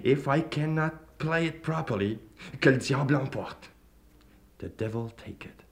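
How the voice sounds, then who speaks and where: A man's voice: mid-range voice, unhurried, vocal fry, slight background noise, voice pushed up. A man voicing a frustrated young village fiddler in a folktale, speaking in a raised, pleading way. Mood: exasperated.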